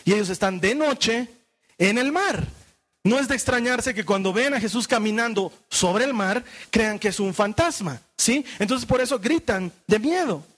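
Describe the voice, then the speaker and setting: Male preacher with a high voice; questions his flock, then drops to hushed emphasis. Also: lively intonation. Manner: asks the congregation questions, shifts from brisk to hushed. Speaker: pastor. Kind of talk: sermon.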